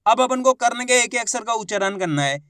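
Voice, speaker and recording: A young adult man teaching an online Hindi reading lesson, sounding out syllables slowly and drawing out words, encouraging viewers as friends. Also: extremely high pitch, animated, a bit bright, dry recording, studio quality. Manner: slow, drawn-out syllable-by-syllable pronunciation.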